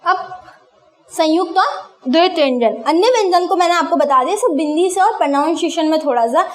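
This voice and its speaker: A woman's voice: extremely high pitch, a little fast, echoey room. A woman teacher giving a classroom grammar lesson. She asks questions and answers them herself, repeating key terms for emphasis.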